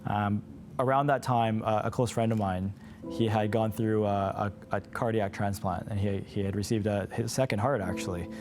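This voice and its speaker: With music playing in the background, a man shares personal stories candidly as an interview guest; he is the patient's brother. His voice is lowish and steady, his pace normal, and his manner earnest and conversational.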